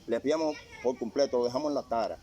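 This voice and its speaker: Older man telling a halting story. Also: medium pitch, warm tone, a little hiss or hum. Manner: halting, repeats phrases as he recalls. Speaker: interviewee sharing a testimony. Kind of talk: casual storytelling.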